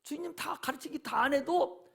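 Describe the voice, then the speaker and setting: A male pastor preaching a sermon in a church, emphatic, swinging from loud shouts to hushed near-whispers. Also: very high voice, normal speed, creaky. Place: church sanctuary.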